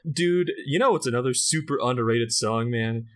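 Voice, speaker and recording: A man's voice: medium pitch, moderate pace, a bit bright, natural voice. A man voicing a laid-back young male surfer dude who drawls in slang and keeps calling people dude. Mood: mock-hyped.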